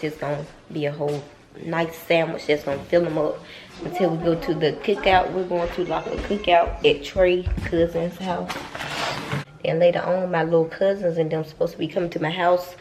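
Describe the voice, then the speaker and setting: Speaking at a normal speed in a low voice with little pitch movement, a young woman from North Carolina talks to her viewers in a home vlog. She's a mom with a Southern accent and a stuffy nose, chatting casually from her kitchen, rambling and repeating herself often.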